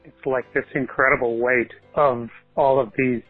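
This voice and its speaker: A man's voice: medium pitch, fairly even intonation, normal speed, slightly rough, dry recording. A man leaves a thoughtful voicemail, speaking in an easy conversational way. His voice comes through a tinny, dry phone line with faint music beneath. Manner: reflective, conversational. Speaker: caller. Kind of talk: voicemail reflection.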